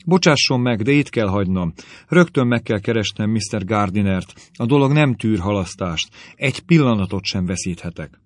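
A man's voice: lowish voice, animated, no echo, studio quality. A man reading the lines of a distraught young woman in an audiobook, urgent and agitated. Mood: distressed.

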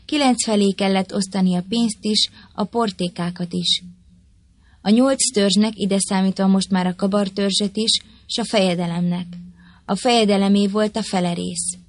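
A woman reading a historical tale aloud in a steady, even storytelling manner. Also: mid-range voice, no room sound. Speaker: narrator.

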